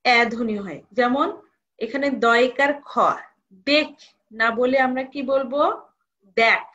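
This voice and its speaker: A woman's voice: a little high, measured pace, fairly bright tone, highs cut off. A woman college lecturer giving a recorded lesson, repeating each rule and asking students questions.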